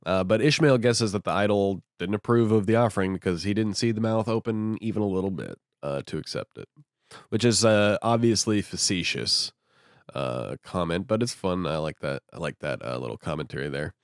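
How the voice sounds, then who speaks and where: A man's voice: on the low side, lively intonation, normal speed, dry recording, studio quality. A man giving casual, profane commentary on a book, with many fillers.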